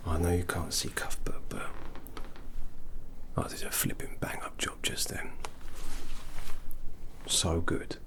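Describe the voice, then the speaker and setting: In an ASMR roleplay, a man softly whispers as a chatty, muddled Victorian graverobber tending a corpse, bumbling along, rambling and losing count. His low, exaggerated voice swoops wildly in pitch, moving slowly with long pauses.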